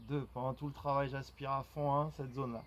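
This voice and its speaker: A man's voice: medium pitch, level tone, brisk, fairly bright tone, slight background noise, poor audio. A man leading a floor exercise class, guiding breathing and repeating cues rhythmically as he counts. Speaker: fitness instructor. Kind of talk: guided workout instruction.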